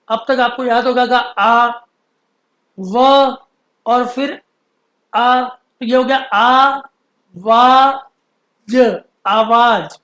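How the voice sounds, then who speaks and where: A man teaching Urdu script, patiently explaining and stretching out letter sounds slowly. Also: extremely high pitch, fairly bright tone, roomy sound. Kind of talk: explaining a lesson.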